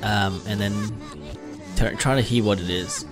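A man's voice: fairly low pitch, measured pace, over music. A man in his thirties giving casual, sweary commentary on a horror game, sounding scared and jumpy. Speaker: video game streamer. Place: indoor room at home. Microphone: close desk microphone, wearing headset.

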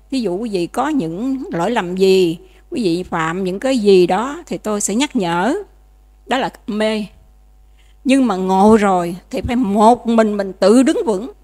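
A nun, giving a dharma lecture in a conversational way and often checking that listeners follow. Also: female voice, mid-range voice, a little mellow. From Vietnam. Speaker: Buddhist nun teaching.

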